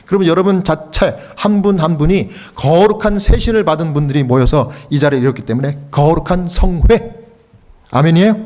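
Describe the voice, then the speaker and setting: A middle-aged pastor from Korea preaches to his church, his man's voice sitting somewhat high. He tells stories and acts out the people in them, and his voice swings up to near shouts at the peaks. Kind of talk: revival sermon with storytelling. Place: church sanctuary.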